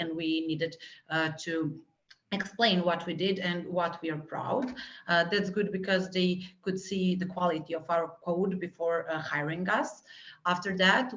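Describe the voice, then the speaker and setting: A woman's voice: fairly low pitch, fairly bright tone. A woman from Serbia, a guest developer answering interview questions over a remote call, hesitant and full of filler sounds. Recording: muffled lo-fi call audio.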